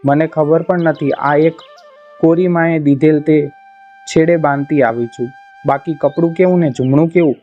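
A poor old woman bard, humble and imploring, as a male narrator puts her on, her voice pitched a little high. The recording is slightly muffled, with soft music underneath. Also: steady tone, moderate pace, close to an everyday voice. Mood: pleading. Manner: pleading, imploring.

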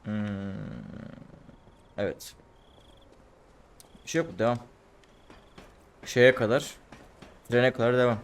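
Young man with a Turkish accent, gameplay commentary, mutters low, erupts into angry cursing. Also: slow pace, pauses often, a little hiss or hum. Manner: muttering to himself, bursting into angry swearing. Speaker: gameplay streamer.

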